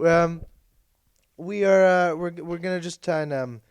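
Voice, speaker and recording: The co-host of a casual chat podcast has a fairly high voice, unhurried, in a dry recording. Being sick has made him hoarse and he's losing his voice, and he wanders and hesitates, frequently correcting himself.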